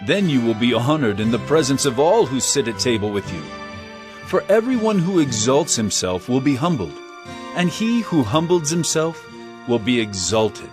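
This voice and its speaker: An actor playing Jesus as an earnest teacher of parables in an audio drama, speaking in measured, emphatic oratory. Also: male voice, medium pitch, big pitch swings, over music, natural voice. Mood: instructive, earnest. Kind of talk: audio drama Bible acting.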